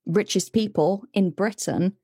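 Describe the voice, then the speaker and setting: A woman hosting an interview, chatting relaxed and telling a short anecdote. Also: medium pitch, unhurried, slightly rough, no room sound, studio quality. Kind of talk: casual conversational interview.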